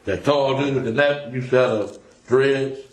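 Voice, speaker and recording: Under police questioning, a man casually recounts memories in profane street slang, acting out quoted exchanges as he tells his stories. His voice is mid-range and his pace moderate, captured on a roomy, noisy interview recording.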